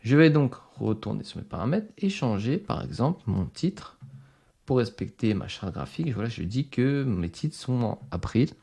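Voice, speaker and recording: A man walking viewers step by step through a software screen-recording tutorial as instructor, explaining each setting directly to them. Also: mid-range voice, very animated, normal speed, creaky, slightly rough. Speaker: online course instructor.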